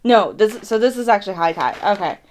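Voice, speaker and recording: A woman's voice: medium pitch, animated, fairly quick, slight background noise. A woman hosting a casual snack-tasting vlog, rambling as she thinks aloud and corrects herself mid-thought. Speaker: mukbang host reviewing snacks. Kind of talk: casual vlog chat to viewers.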